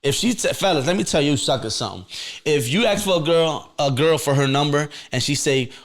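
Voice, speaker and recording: A young man hosting a podcast, chatting casually and giving blunt, animated advice in slang. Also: on the high side, a little fast. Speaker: podcast host. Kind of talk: casual chat.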